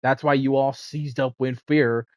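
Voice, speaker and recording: A man's voice: mid-range voice, steady tone, unhurried, a little hiss or hum, lightly acted. A man voicing an arrogant, condescending young elitist, reading video game dialogue in a haughty, dismissive manner. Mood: smug.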